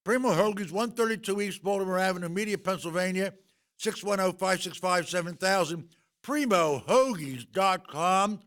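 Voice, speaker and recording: A man's voice: high-pitched, normal speed, fairly bright tone. A man hosting a casual radio chat, joking and talking with his mouth full. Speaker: host.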